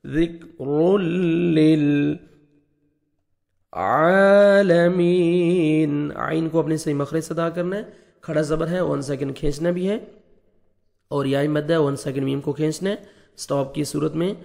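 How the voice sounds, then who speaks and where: A man with a Pakistani Urdu accent teaching Quran recitation rules, patiently explaining step by step and chanting verses slowly. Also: fairly high pitch, fairly even intonation, creaky, mellow.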